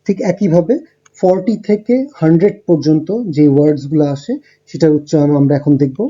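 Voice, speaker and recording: Mellow-voiced man teaching step by step. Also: a little high, fairly quick, lo-fi sound. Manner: explains step by step with fillers. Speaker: language teacher. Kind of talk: lesson narration over slides.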